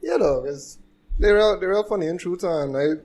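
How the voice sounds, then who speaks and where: A man's voice: high-pitched, normal speed, darkish tone. A man with a Trinidadian accent, a guest on a podcast, chatting in a laid-back, joking way full of slang. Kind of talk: casual podcast chat.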